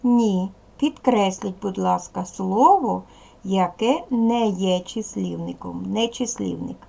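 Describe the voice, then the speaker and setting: Gravelly-voiced Ukrainian woman teaching children. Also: mid-range voice, warm tone. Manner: slow, clear instructions with frequent pauses. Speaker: primary school teacher. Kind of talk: video lesson for young children.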